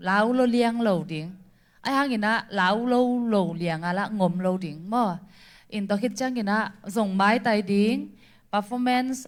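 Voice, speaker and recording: A woman giving spoken feedback on a singing performance in a measured way. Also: mid-range voice.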